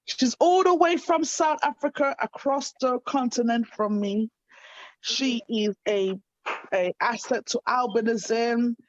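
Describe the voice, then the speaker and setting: A woman's voice: on the high side, slow pace, dry recording. A woman in her thirties hosting an online interview show, enthusiastic and affirming. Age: 30s. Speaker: host. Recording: dry, slightly dull sound.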